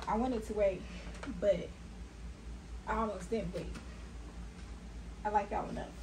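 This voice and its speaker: A young woman, chatting excitedly to her viewers as she shows off her clothing haul. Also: medium pitch, unhurried, noisy background. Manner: chatty, hyped, talks straight to viewers. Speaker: fashion vlogger. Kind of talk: casual haul vlog.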